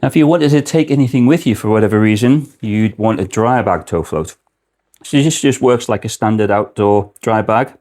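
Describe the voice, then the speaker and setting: A man's voice: lowish voice, moderate pace, darkish tone. A man giving an informal product explanation as a presenter, speaking indoors in a shop.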